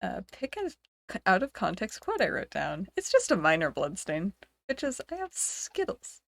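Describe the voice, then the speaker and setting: A woman's voice: lowish voice, wildly swooping pitch, normal speed, vocal fry, a bit bright, dry recording. A woman streamer in casual chat, rambling, giggling often and playfully dramatizing her reactions.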